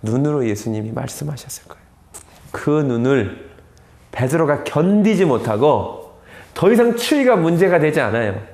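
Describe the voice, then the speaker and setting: A man teaching the Bible as a sermon, telling the story with dramatic pauses, sometimes dropping to a whisper and asking the audience questions. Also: medium pitch, big pitch swings, darkish tone. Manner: acts out quoted lines, asks the audience questions.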